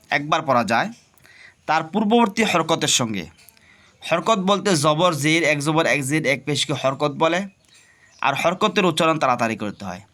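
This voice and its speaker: A man teaching an Arabic reading class, explaining rules to his students and then drilling syllables slowly, letter by letter. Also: on the high side, bright, forceful tone. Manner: slow, drawn-out syllable drills spelling letters and vowels. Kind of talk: recorded Quran reading lesson.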